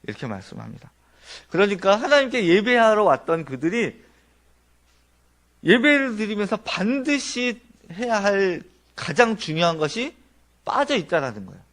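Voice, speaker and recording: Male pastor, slightly high voice with very lively intonation, earnest conversational sermon with rhetorical questions to the congregation. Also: moderate pace. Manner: explains points one by one in an earnest, conversational tone. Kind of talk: Sunday sermon. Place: church sanctuary.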